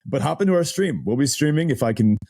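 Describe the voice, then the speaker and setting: A warm, mellow-toned man chats eagerly as a podcast co-host. His voice is still slightly hoarse and not fully recovered, and he laughs easily between points. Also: on the high side, expressive, quick pace. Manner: enthusiastic, chatty, laughs often. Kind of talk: casual podcast chat.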